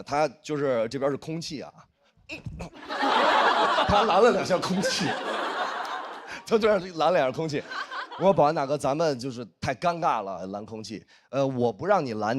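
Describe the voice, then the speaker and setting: A man performing a stand-up comedy set, telling a story in an animated way and acting out the dialogue. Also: mid-range voice, noisy background. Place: stage in front of a live audience.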